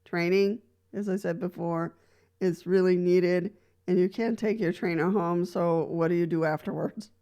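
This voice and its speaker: With a steady, mellow, lowish voice and a moderate pace, a Costa Rican wheelchair user explains practical advice to the camera in a laid-back vlog, drawing on her own experience. She lets out light laughs between points and repeatedly restarts with "so."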